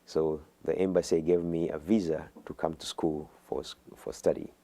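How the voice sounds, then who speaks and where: A middle-aged man from Uganda, a guest in an interview, talking haltingly with many fillers and restarts. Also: a bass voice, flat delivery, warm tone. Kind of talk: interview conversation.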